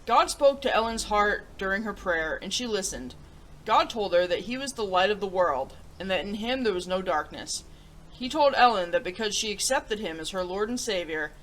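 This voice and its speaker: Reading picture books and giving them upbeat reviews, this children's story-time host has a theatrical, enthusiastic presenter's manner. She speaks at a moderate pace with medium pitch and lively intonation, over slight background noise and poor audio.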